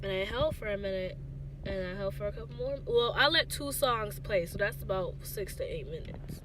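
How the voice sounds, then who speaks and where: A woman with a hoarse, stuffy, worn-out voice chatting casually and rambling, often interrupting herself, as she vlogs from inside a car. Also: normal speed. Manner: rambling, self-interrupting, informal. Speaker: vlogger. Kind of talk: casual car vlog chat. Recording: noisy car interior, traffic and engine rumble.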